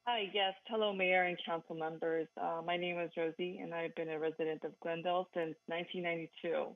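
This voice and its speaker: A woman calling in by phone to a council meeting, reading a firm, measured prepared comment. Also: on the low side, fairly even intonation, no echo. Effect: calling in over a phone line. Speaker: public comment caller. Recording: dry, tinny phone line.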